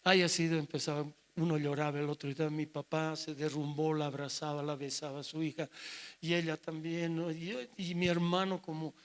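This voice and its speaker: A man's voice: on the high side, little pitch movement, fairly quick. A male pastor, telling a personal story in a sermon and acting out the dialogue. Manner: emotional personal storytelling, acts out quoted dialogue.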